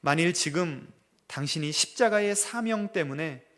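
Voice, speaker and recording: A man's voice: fairly high pitch, animated, moderate pace. Impassioned Korean male pastor preaching. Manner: emotional storytelling, rising to impassioned outbursts and dropping to hushed lines. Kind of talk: sermon.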